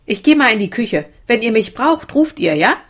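A kind, gently magical woman, read aloud by a woman. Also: fairly high pitch, big pitch swings, normal speed, pitched above the performer's own voice. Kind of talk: storybook reading.

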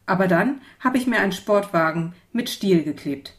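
A woman's voice: lowish voice, animated, moderate pace, natural voice. A woman voicing a cheerful little kindergarten boy who talks casually.

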